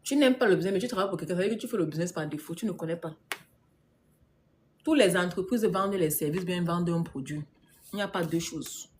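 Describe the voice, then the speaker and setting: A woman's voice: lowish voice, fast. A woman business coach speaks on a casual live stream and answers viewers' comments as they come in. She is emphatic and repeats her points. She laughs often and slips English words into her talk, with a faint hum of noise behind her.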